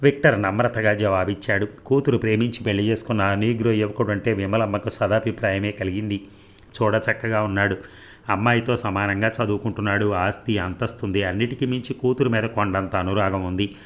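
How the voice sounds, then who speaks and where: A man narrating an audiobook of a novel with a fairly low voice. His delivery is steady and even, in plain storytelling mode. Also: fairly quick.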